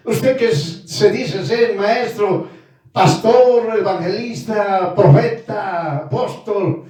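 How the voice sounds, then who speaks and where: Emphatic male preacher, high and unhurried, heard from a distance. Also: darkish tone. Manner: emphatic, repeats commands and asks rhetorical questions. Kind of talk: sermon. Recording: very echoey hall, voice far from mic.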